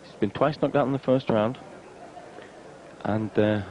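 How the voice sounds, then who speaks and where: A man's voice: mid-range voice, measured pace. A man giving live darts commentary in a colourful, wry way. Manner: colourful, wry turns of phrase. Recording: dull, noisy archive TV broadcast.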